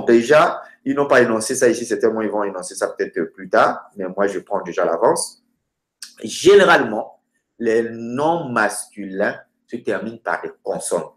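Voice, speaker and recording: A man teaching grammar through lists of words, hesitating often and slowing down for each example. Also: medium pitch. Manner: hesitant, many filler sounds, slows down for example words. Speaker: language teacher. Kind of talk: explaining grammar with word lists. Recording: roomy echoey room.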